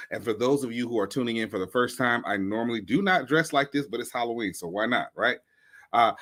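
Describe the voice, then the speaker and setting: Lively, joking male show host. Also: mid-range voice. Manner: animated, joking, slangy. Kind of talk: casual show chat.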